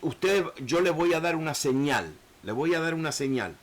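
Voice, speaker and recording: A man teaching a Bible lesson in an earnest, halting way, often restarting words and acting out the people in the text. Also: a little high, animated. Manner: earnest, repetitive, many hesitations and restarts; acts out biblical speakers in shifting voices.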